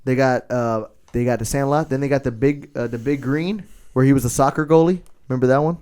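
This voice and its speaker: A man's voice: medium pitch, brisk, a little mellow, smooth. A man co-hosting a podcast, chatting bluntly about a movie and swearing. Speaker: podcast co-host. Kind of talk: casual movie chat.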